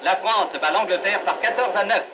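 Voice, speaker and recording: A man giving brisk, emphatic old newsreel commentary on an old film soundtrack. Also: high voice, background noise. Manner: brisk, emphatic announcer delivery.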